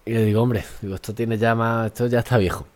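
A man's voice: mid-range voice, fairly even intonation, fast, darkish tone. A man from Extremadura with a light Extremaduran Spanish accent, co-hosting a podcast in casual chat and telling stories with acted-out dialogue. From Extremadura, Spain. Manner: storytelling, acting out dialogue with laughs. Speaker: podcast co-host.

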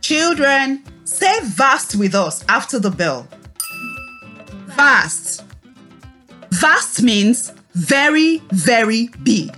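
This is a teacher reading a story aloud to young children, her voice high and full of life over background music. Every word comes out extremely slow and deliberate, expressive in tone, as she prompts the kids to say things back.

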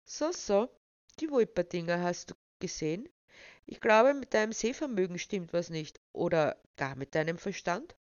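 A clever young woman stays calm and teases with quiet amusement in a storybook, as a woman reader plays her. The voice rests low. The recording is dry and muffled. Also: moderate pace, no echo, natural voice. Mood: teasing. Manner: provocative, teasing.

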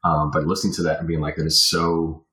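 An American man in his forties from Virginia reminisces casually as a podcast guest, rambling and punctuating his talk with "you know." He has a bass voice with a monotone, sharp delivery and a quick pace. The recording sounds roomy and echoey.

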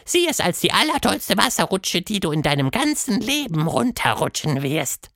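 A tiny, playful tentacled creature from a children's storybook squeaks its lines high and with wide swings. The voice stays earnest and eager. The recording is dry and close. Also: male voice, very animated, normal speed, creaky, pushed and bright, no room sound, exaggerated voice. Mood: squeaky, pleading. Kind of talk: storybook narration.

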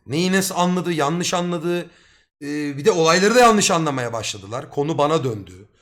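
A young man streaming and telling a story to his live chat in a casual, slangy and excitable way, swearing freely as he goes. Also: on the high side, moderate pace.

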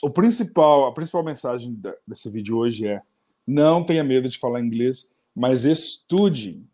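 A man with a Brazilian Portuguese accent hosting a casual interview, lively and laughing, talking straight to viewers. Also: medium pitch, normal speed. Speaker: interview host.

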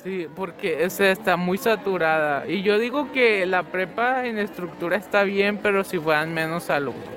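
A teenage boy with a notably high voice answers interview questions outdoors at his school. He rambles casually, full of fillers, and gets animated when he tells a story. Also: normal speed, hardly any pauses. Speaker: student interviewee. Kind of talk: casual chat.

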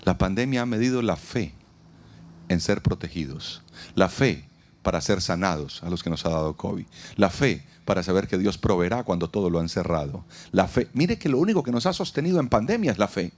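Low-voiced preaching man. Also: animated, a little mellow. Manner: preaching with dramatic pauses and acted-out quotes. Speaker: pastor. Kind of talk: sermon. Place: outdoor event.

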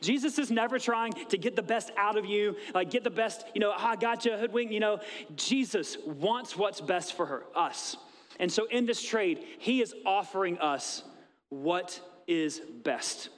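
A man's voice: sits high, animated, a little slow. A man in his thirties, a pastor preaching a conversational sermon and acting out little dialogues. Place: church sanctuary. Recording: long reverb of a church hall.

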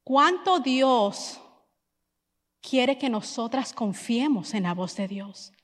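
Animated woman preaching in a hall. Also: fairly high pitch, takes it slowly. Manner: animated storytelling, mixing in English phrases. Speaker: pastor's wife and preacher. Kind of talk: sermon storytelling.

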